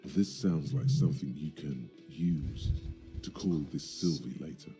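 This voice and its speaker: A man's voice: extremely low pitch, unhurried, warm tone, soft background music. An actor voicing a sardonic, all-knowing male narrator in a video game, with dramatic narration.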